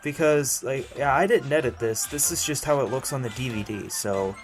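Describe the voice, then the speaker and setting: A man's voice: medium pitch, moderate pace, soft background music. A man casually commenting over clips in a chatty, giggly way, full of fillers. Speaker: video reviewer.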